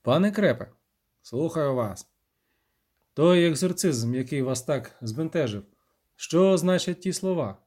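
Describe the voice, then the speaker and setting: A man's voice: a little high, animated, measured pace, long pauses, a little mellow. Man voicing a grim terse witcher. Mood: calm. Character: grim weary adult male witcher.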